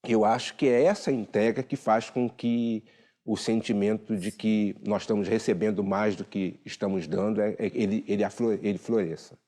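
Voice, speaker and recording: Brief: male studio guest, deep and mellow, reflective with hesitant fillers. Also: steady tone, normal speed. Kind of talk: TV studio conversation.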